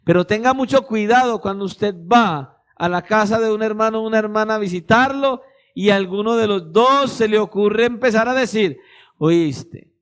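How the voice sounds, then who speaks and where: Emphatic high-voiced pastor preaching. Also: male voice, clear, resonant tone. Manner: emphatic, addresses listeners directly, acts out little dialogues. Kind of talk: sermon.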